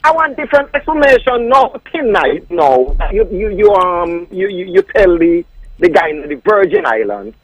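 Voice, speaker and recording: Kittitian nevisian creole guy on a muffled phone call, high voice that jumps around, halting and insistent. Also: big pitch swings, slightly rough, no room sound. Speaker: caller. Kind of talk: argumentative radio phone-in.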